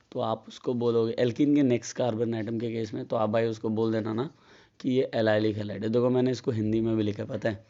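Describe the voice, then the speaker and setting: Flat-voiced man teaching chemistry casually. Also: mid-range voice, lo-fi sound. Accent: Hindi. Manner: chatty, asks and answers his own questions. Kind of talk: casual tutorial lecture. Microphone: phone.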